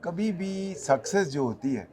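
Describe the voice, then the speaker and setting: A man in his sixties, a retired police officer, speaking in a measured, reflective and encouraging way during a casual conversation. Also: a little high, expressive, darkish tone, faint music behind. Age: 60s.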